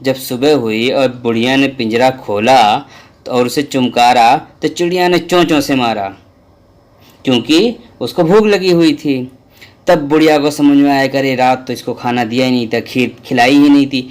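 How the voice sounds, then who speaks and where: A man's voice: mid-range voice, normal speed, darkish tone. A man teaching a school Urdu lesson, reciting a children's poem and then explaining the exercises patiently.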